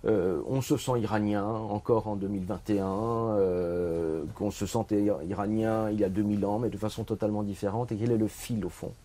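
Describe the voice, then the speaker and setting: A man's voice: on the low side, steady tone, normal speed, few pauses, dark tone. A middle-aged man from Switzerland, an author presenting his book in a bookshop, talking with many fillers and restarts. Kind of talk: bookshop talk.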